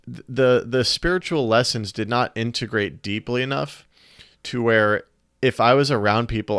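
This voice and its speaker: A man talks through his thoughts on a solo podcast, earnest and searching, often restarting and pausing, a little out of breath. His voice sits low and sounds smooth and resonant. The recording is close and dry, with no room sound. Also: a bit bright, no room sound. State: slightly out of breath. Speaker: podcast host. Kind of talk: reflective solo podcast monologue.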